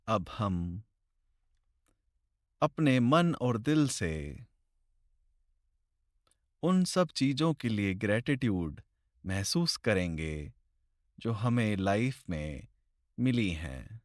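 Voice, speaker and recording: A man with a voice on the low side guides a meditation in slow, deliberate phrases separated by long pauses, yet his delivery is very animated. He's recorded close to the mic with no echo.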